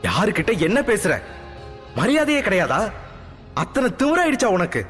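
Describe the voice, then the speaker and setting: Man doing a shrill, scolding queen mother. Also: very animated, normal speed, a bit bright, faint music behind. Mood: furious.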